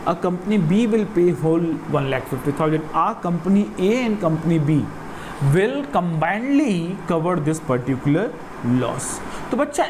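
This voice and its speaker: A man's voice: high voice, background noise. A middle-aged man with a North Indian accent, a native Hindi speaker, gives an explanatory lesson, repeating phrases and putting questions to his students. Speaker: teacher.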